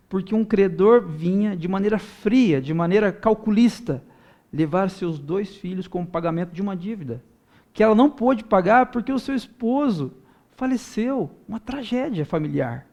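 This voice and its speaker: A man preaching an earnest sermon to viewers watching online, his voice swelling loud as he voices pleas to God. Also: high voice, animated, moderate pace. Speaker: pastor.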